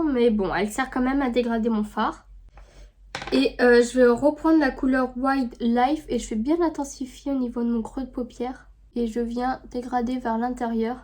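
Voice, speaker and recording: A woman, chatting casually through a makeup tutorial with lots of fillers, dropping to a soft murmur while she works. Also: on the high side. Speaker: beauty vlogger.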